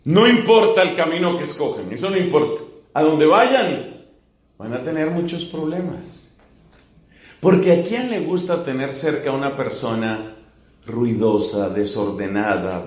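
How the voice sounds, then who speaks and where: Slow, emphatic preaching man. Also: medium pitch. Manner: slow emphatic lists and rhetorical questions. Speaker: friar preaching. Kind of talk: teaching sermon. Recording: echoey room.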